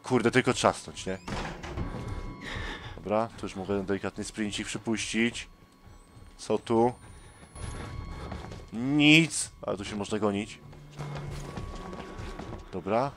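A man's voice: lowish voice, fairly even intonation, a little slow, pauses often. A man doing let's play commentary on a horror game, tense and jumpy, muttering to himself.

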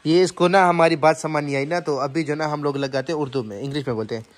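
A man's voice: on the high side, fairly even intonation, fast talker. Chatty family vlogger man out shopping. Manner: chatty, addresses viewers as guys, teases children. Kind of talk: casual family vlog. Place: out and about at shops and a market.

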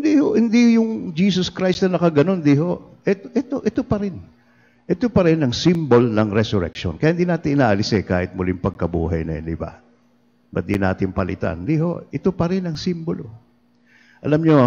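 Chatty priest in an echoing church. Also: male voice, on the low side. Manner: lively, chatty, often laughing. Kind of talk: humorous sermon storytelling. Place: church during livestreamed mass. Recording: dull reverberant church livestream.

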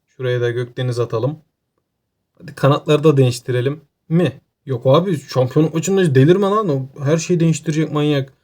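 A man with an Aegean Turkish accent giving casual, joking gameplay commentary, excitable and talking to himself. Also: on the high side, fairly quick. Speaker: gaming YouTuber.

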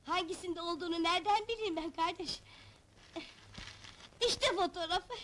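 An actress playing a stubborn, hot-tempered middle-aged wife who scolds, shouts insults and cackles. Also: female voice, very high-pitched, moderate pace, slight background noise. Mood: quarrelsome.

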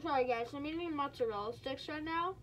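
A high-pitched female gamer talks her viewers through a match in a loose, chatty way. She bursts into quick exclamations as things happen on screen, and her voice sits well above the usual range. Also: fairly bright tone, slight background noise. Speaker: gaming streamer. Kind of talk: casual gameplay commentary.

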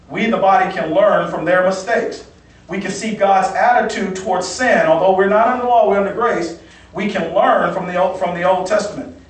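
A male pastor teaching from the Bible in a sermon, repeating key phrases and checking in with "okay?". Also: sits high. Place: church sanctuary. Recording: echoey church hall from far off.

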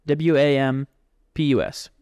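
A man co-hosting a casual podcast chat, telling stories in an animated way, acting out folksy voices and swearing casually. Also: mid-range voice, unhurried, clear, resonant tone, no echo, studio quality. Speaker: podcast co-host.

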